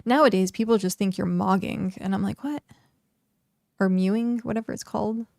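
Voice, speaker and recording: Young woman, game streamer, rambling casual chat, gravelly, dry close sound. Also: mid-range voice, steady tone, normal speed, darkish tone, no echo. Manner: rambling, chatty, heavy use of "like". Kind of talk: casual live-stream chat while gaming.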